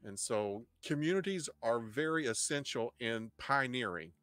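A middle-aged man with an Ozark Missouri twang hosts an informal online history class. His pitch is average for a man. He explains in a halting way, often repeating and rephrasing, close to the microphone in a dry room. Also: lively intonation, fairly bright tone, dry recording. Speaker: host, history teacher. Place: indoor home studio. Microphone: desk microphone up close, headset on.

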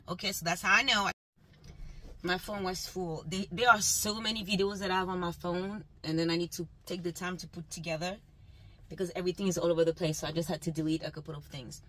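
A woman's voice: medium pitch, bright, forceful tone, dry recording, poor audio. A woman delivery van driver venting in an exasperated, emphatic rant while driving, with road noise behind her. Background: road and engine noise.

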